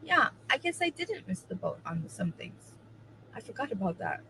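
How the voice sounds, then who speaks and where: A woman's voice: medium pitch, big pitch swings, normal speed, background noise. A woman in her forties chatting casually on a livestream, emphatic and repeating her points for effect. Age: 40s. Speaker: co-host of a livestream.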